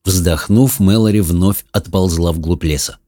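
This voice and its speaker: A man reading an audiobook in an even, measured manner. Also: low voice, no echo, clean studio sound. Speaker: narrator. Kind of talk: audiobook narration.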